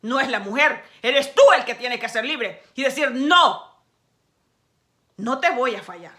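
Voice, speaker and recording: A woman preaching with a bright, rather high voice. She addresses the listener directly and emphatically. Her delivery swings between hushed, low stretches and loud, insistent peaks. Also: animated, unhurried. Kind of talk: sermon.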